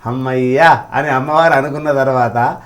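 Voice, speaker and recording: A man's voice: a little high, brisk. A man telling devotional stories in conversation, emphatic, with rhetorical questions and acted-out quotes. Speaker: religious scholar guest.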